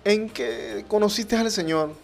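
A male radio preacher with a notably high voice addresses his listeners directly. He speaks fervently and pleads, circling back over the same phrases again and again. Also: unhurried, creaky, soft background music.

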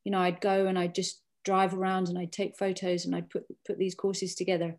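A woman's voice: on the low side, completely flat delivery, fairly quick, darkish tone. A middle-aged woman from Britain, an archaeologist and Druid, telling a personal story in a rambling way, with many restarts and fillers.

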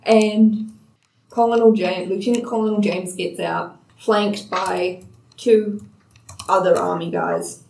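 A woman's voice: medium pitch, steady tone, slow, creaky, a little mellow, slight background noise. A woman runs a tabletop game as game master in a loose, laughing, salty way. She sits back from the microphone, so her voice comes across distant and hollow. The room adds a roomy echo to every line. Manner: casual, laughing, swears freely. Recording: roomy echo, speaking away from the mic.

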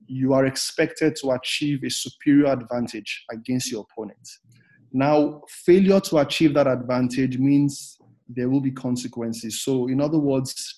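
A man appears as a guest expert on a podcast, answering questions thoughtfully. He pauses often and fills the gaps with um and you know. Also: mid-range voice, mellow. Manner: thoughtful, hesitant with fillers. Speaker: guest researcher. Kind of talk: podcast interview.

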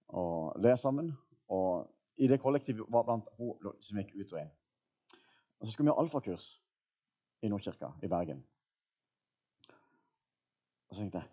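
A man in his thirties preaching a sermon in a church, telling a personal story in a relaxed way with many fillers. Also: fairly low pitch, highs cut off. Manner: casual storytelling with fillers and laughs. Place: church hall.

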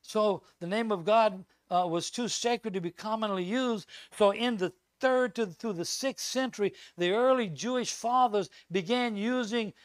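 A male guest preacher delivering an emphatic, animated sermon full of asides and repetitions. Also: sits high, moderate pace, few pauses, dry recording.

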